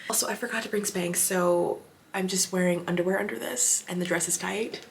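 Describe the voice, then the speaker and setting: A young woman actor chatting casually to her viewers, bubbly and quick to laugh. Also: lowish voice, steady tone, creaky, roomy sound, a little hiss or hum. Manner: whispers while backstage. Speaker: actor and vlogger. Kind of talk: casual vlog chat.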